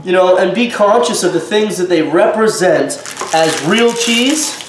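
A man in his thirties, nasal from a head cold, talks a little slowly in a high-pitched voice, indignantly cautioning viewers in a casual vlog. He's in his echoey home kitchen, where a camera mic at short range also catches faint noise.

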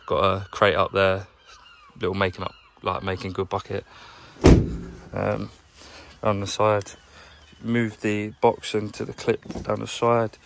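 Low gravelly tradesman vlogging. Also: completely flat delivery, unhurried, background noise. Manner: chatty, rambling, low-key. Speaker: plumber vlogger. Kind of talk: casual vlog narration while working. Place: inside a work van, outdoors nearby. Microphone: handheld phone camera.

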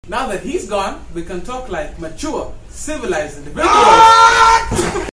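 Male comic skit performer, lively swings in pitch, sweary and argumentative, arguing with himself as two sides. Echoey room. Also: moderate pace, very noisy.

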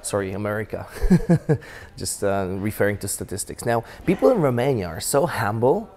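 A man with a lowish voice and as a talks to camera in a casual business vlog. He is eager and enthusiastic, repeating and restarting his phrases as he goes. Faint room noise sits under his voice. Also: expressive, moderate pace, darkish tone. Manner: enthusiastic, repetitive restarts, non-native phrasing. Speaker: business vlogger. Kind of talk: casual to-camera advice talk.

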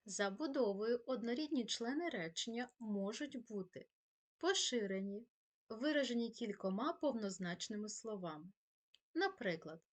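A woman teacher reading a scripted grammar lesson, saying her examples slowly and carefully as if dictating. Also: a little high.

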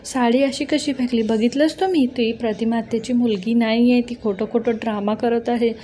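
A woman's voice: on the high side, fairly even intonation, moderate pace, mellow, lightly acted. A woman voicing a suspicious young lawyer husband, insistent and accusing.

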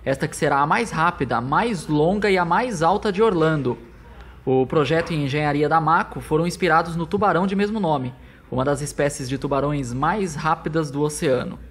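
A man's voice: fairly high pitch, fairly quick, a bit bright, slight background noise. A Brazilian man reading a scripted promotional news narration as the reporter.

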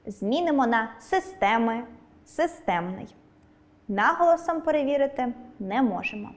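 Clear, measured woman teacher. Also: fairly high pitch, lively intonation. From Ukraine. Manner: clear, measured, stresses each example word. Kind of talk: scripted online lesson.

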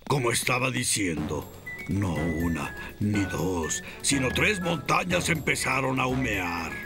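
Gravelly, grumpy old cartoon crab, Scuttle. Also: male voice, mid-range voice, very animated, slow, over music. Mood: boastful, rambling. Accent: Latin American Spanish. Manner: theatrical, dismissive, rambling storyteller. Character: boastful, grumpy, long-winded old male crab. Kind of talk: animated cartoon dub.

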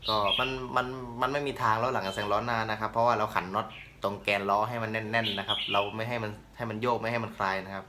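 A young man from Thailand with a slight northern Thai accent, a channel host casually answering viewers' questions in a relaxed, joking way. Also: on the low side, background noise. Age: young adult. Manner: relaxed, joking, laid-back. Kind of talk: casual Q&A chat.

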